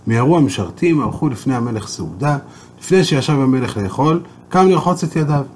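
A man teaching a Torah lesson, explaining and telling a story in a steady way. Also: mid-range voice, slight background noise.

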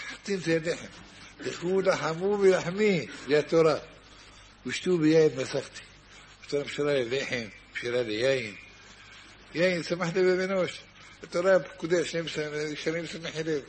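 Male rabbi, sermon-storyteller, a little high-pitched, faint background hiss. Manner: animated storyteller acting out dialogue.

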